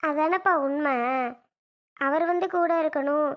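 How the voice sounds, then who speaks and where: A woman plays a young new mother pleading with her father in a family drama skit. Her voice is high and stays on a fairly even pitch, and she keeps pressing her point. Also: unhurried. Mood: insistent. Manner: pleading, insistent.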